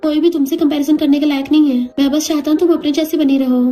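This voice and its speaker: A woman's voice: sits high, fairly even intonation, quick pace, mellow, lightly acted. A woman reading as a doting rich young husband. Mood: fond.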